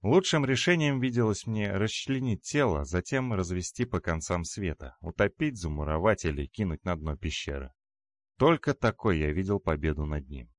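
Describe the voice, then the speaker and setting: Deep male voice reading fantasy audiobook, lively dramatic delivery, dry close mic. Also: normal speed, dry recording. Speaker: audiobook narrator. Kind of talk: first-person audiobook narration.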